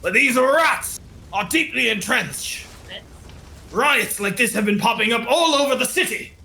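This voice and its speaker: A man's voice: very high-pitched, animated, creaky, bright, forceful tone, full character voice. A man as a weary noble reporting. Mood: grave. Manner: measured, formal.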